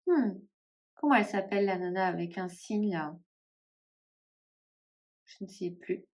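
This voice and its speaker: A woman's voice: mid-range voice, unhurried, darkish tone. Hesitant woman musing over tarot cards. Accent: northern French (Ch'ti). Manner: hesitant, musing, many fillers and trailing off. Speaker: tarot vlogger. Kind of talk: casual chat to camera.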